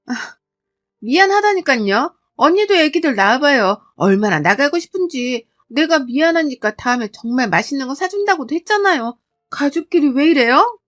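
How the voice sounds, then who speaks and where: A woman's voice: high-pitched, expressive, moderate pace, pitched above the performer's own voice. A woman doing a whiny, defensive sister-in-law. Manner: whiny, argumentative.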